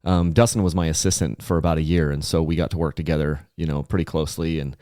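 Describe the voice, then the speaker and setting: A man's voice: extremely low pitch, flat delivery, fast, dark tone, no echo, studio quality. A man in his forties hosting a podcast, chatting casually and rambling with lots of fillers and restarts. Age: 40s. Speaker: podcast host.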